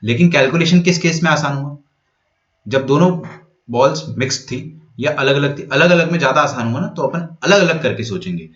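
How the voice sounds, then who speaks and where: Lively male maths teacher, echoey lo-fi recording. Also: fairly high pitch, moderate pace. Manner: lively, asks and answers his own questions; mixes English phrases into Hindi. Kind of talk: exam-prep lecture. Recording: echoey room, dull lo-fi sound.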